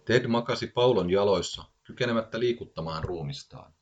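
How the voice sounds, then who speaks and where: Deep-voiced man reading a story. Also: lo-fi sound. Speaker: narrator. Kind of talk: scripted audiobook narration.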